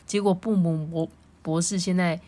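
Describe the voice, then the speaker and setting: A woman's voice: fairly low pitch, fairly even intonation, normal speed, mellow. A woman reading a picture book aloud to her child at home, stopping to ask questions.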